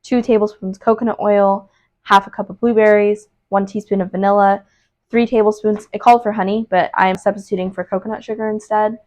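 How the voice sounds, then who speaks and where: A young woman vlogger bakes in her home kitchen and chats loosely, full of fillers and restarts. Her voice is medium-pitched, steady, slightly fast, and a bit mellow, picked up by a small clip-on mic.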